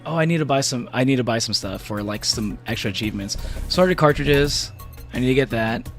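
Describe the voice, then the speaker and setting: Soft music backs a medium-pitched man speaking fairly fast. He's a game streamer in easygoing conversation with his viewers, wandering off topic, laughing often, and restarting sentences amid plenty of fillers.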